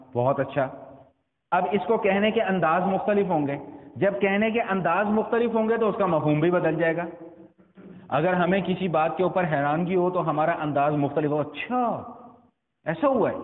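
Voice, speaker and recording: A man with a high voice delivers a Friday sermon in a large hall that rings with long reverb. He repeats key phrases and poses rhetorical questions. The sound is thin and tinny, like a phone line. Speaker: preacher.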